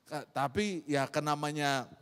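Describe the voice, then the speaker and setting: Middle-aged male pastor, high voice, sermon delivery that swings between loud and hushed, church hall with long echo. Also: measured pace, smooth.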